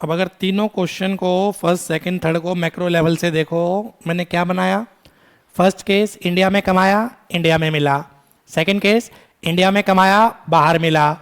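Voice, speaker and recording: A man teaching a tax lecture in Hindi mixed with English, quizzing his students, calling them "beta" and scolding them briskly. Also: high voice, steady tone, a bit bright, smooth. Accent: Indian English. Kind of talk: classroom lecture.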